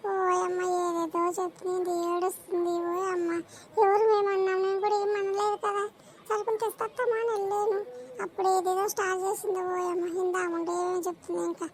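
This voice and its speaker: A woman's voice: very high-pitched, flat delivery, a little fast, slight background noise, pitched below the performer's own voice. A woman doing a grumbling young daughter-in-law. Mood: sarcastic. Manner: muttering asides.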